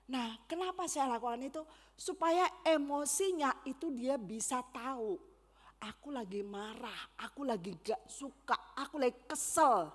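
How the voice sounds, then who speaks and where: A middle-aged woman giving a church talk on parenting, speaking directly to the congregation in a lively way and acting out the people she quotes. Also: on the high side. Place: church hall. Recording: church hall reverb.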